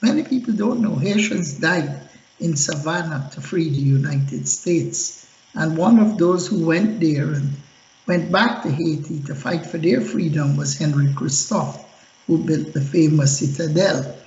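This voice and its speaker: Speaking a little slowly, this man from Guyana introduces himself on a radio panel with the earnest air of someone making a speech about his background. His voice is on the high side and a little mellow, and the line sounds echoey, dull and lo-fi.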